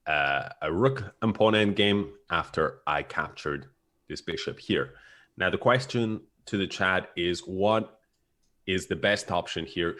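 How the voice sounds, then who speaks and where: Deep-voiced man teaching chess moves. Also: fairly bright tone. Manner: explanatory, walks through moves step by step; dry sarcastic humor. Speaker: chess coach. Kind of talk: online chess lesson.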